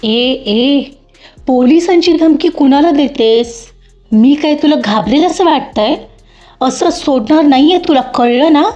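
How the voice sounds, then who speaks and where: A woman's voice: high voice, slow pace, a little mellow. A woman voicing a bitter, sneering young man. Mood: angry. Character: angry young man, pleading then threatening. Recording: dull lo-fi with faint music.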